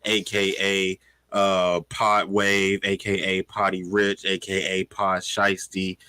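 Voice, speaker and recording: A man's voice: sits low, monotone, slow pace, pushed and bright, clear, resonant tone, no echo. A man hosting a casual podcast from a basement, joking and laughing through profane banter with his friends. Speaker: podcast host. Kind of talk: casual chat.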